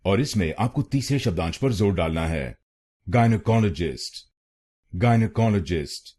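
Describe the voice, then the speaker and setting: A man giving a scripted pronunciation lesson, drilling a word slowly syllable by syllable. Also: sits low, lively intonation, darkish tone. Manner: slow, deliberate syllable-by-syllable drilling. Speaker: pronunciation teacher.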